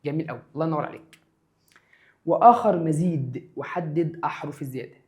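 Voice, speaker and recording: A male teacher with an Egyptian accent rattles through an exam review at a brisk clip. He is lively and keeps repeating the key rules. He voices his students' questions, then answers them himself. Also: a little high. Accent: Egyptian Arabic.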